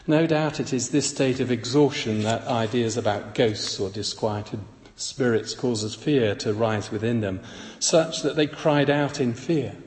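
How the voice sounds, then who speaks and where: Slow, reflective man preaching in an echoey hall. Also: mid-range voice, darkish tone. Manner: measured, reflective reading. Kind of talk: devotional Bible reflection.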